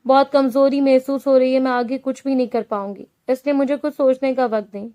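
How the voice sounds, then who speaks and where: A woman's voice: high voice, fairly even intonation, mellow, dull audio, lightly acted. A woman reading the part of an anxious young married student in a spoken novel. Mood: worried.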